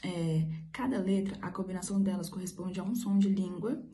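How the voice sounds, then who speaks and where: Mellow-voiced woman presenting. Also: lowish voice, fairly quick. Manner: explanatory, with fillers. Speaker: student presenter. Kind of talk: class presentation.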